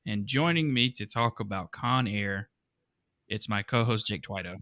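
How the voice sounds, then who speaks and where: Bright-voiced male podcast host. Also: lowish voice, normal speed, dry recording, studio quality. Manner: chatty, laughs often. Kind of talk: casual movie podcast chat.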